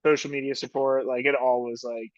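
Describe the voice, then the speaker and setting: A man chats loosely in an interview, circling his point with lots of fillers and quick laughs. The sound is dry and a little dull, like a video call. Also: mid-range voice, level tone, clear, resonant tone, no echo. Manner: rambling, filler-heavy, frequent "like", laughs often. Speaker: ski patroller and union officer. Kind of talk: casual interview chat.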